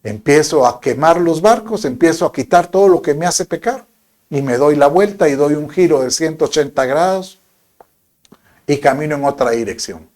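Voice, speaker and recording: A man with a Guatemalan accent preaches a sermon, his voice sitting a bit high for a man. He speaks in a conversational way, weaving in stories from daily life and acting out the voices of the people he quotes. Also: normal speed, a little mellow. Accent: Guatemalan Spanish. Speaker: pastor.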